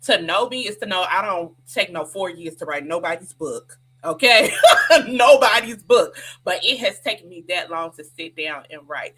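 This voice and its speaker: Lively woman author in her thirties. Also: on the low side, normal speed, hardly any pauses, breathy edge, poor audio. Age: 30s. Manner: animated storyteller, laughs often, acts out quotes. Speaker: author guest. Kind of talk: casual interview chat.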